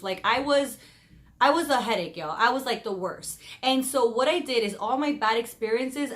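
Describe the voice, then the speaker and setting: A woman of about thirty talking to camera in a casual vlog, openly expressive and chatty, speaking of her faith. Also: on the high side. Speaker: vlogger.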